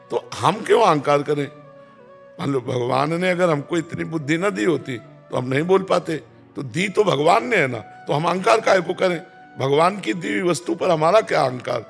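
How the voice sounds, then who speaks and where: Calm gravelly guy, answers spiritual questions, soft music under it. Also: fairly high pitch. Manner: calm, repeats key phrases, chants verses slowly. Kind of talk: devotional question-and-answer talk.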